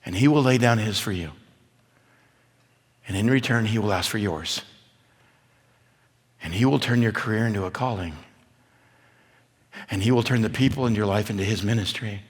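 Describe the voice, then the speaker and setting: A man's voice: lowish voice, normal speed, long pauses. Man preaching with story and emphasis. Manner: storytelling, builds from quiet to loud and emphatic. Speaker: preacher at a men's event. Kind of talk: sermon. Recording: long hall reverb.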